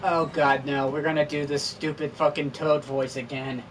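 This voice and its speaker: A woman's voice: low voice, level tone, normal speed, recorded from a distance, over music. A woman streaming a game and commenting as she plays, grumbling and swearing, her voice sore from straining. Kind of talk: gameplay livestream commentary.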